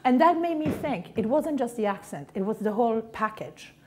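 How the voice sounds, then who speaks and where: With a fairly high, expressive voice at a normal speed, a middle-aged woman from Italy gives a motivational career talk in her Italian accent. She's direct and punchy, stressing the key words.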